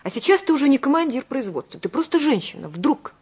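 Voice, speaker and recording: An actress playing a resentful, sharp-tongued grown daughter in a family drama, with a sarcastic way of talking. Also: female voice, sits high, very animated, quick pace. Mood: bitter, accusing. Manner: sarcastic, accusing. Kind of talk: naturalistic drama acting.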